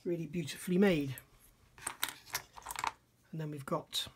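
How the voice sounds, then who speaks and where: A man's voice: fairly high pitch, unhurried, noisy background. A middle-aged man reviewing a scale model kit at his workbench, thinking aloud and often questioning himself. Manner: musing, self-questioning, admiring. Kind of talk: casual hands-on kit review. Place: workbench indoors.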